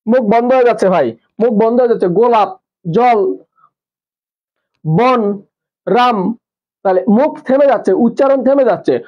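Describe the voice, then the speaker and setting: A man with an extremely high-pitched voice, heard in lo-fi audio, teaches a live online class for nursing admission. He poses questions to his students, answers them himself, and keeps repeating the key terms.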